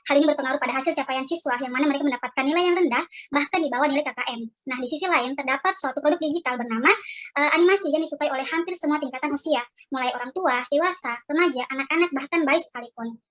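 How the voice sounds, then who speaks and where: A woman's voice: high-pitched, rapid-fire, fairly bright tone. A woman with a digitally disguised voice giving a formal, explanatory slide presentation as a teacher over a video call. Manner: explanatory, signposting each section. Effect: voice changer, digitally disguised voice. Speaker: teacher presenting a project proposal.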